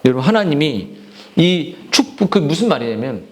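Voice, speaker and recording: A man's voice: fairly high pitch, big pitch swings, moderate pace, darkish tone, a little hiss or hum. A male pastor preaching an impassioned sermon, repeating phrases and often breaking off mid-word as he presses his congregation. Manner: restarts and trails off mid-word.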